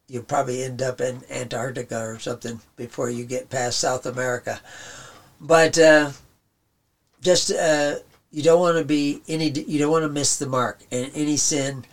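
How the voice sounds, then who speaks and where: A man preaching in a rambling, conversational way with chuckles, his voice going hoarse. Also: fairly high pitch. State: losing his voice. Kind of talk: radio sermon talk.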